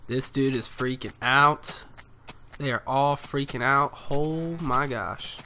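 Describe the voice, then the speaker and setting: A man's voice: medium pitch, takes it slowly, pushed and bright, slight background noise. A man commenting casually and jokingly on his own gameplay, talking to the animals and monsters on screen. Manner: playful, jokey, talks to animals and mobs. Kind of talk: casual let's play commentary.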